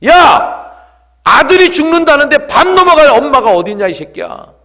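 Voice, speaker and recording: A man's voice: very high voice, big pitch swings, moderate pace, bright, forceful tone, voice pushed up, heavily acted. A man voicing a desperate Korean mother who bursts out at her son during a sermon story. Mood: fierce. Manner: fierce scolding outburst. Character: desperate fasting mother, fierce and tearful.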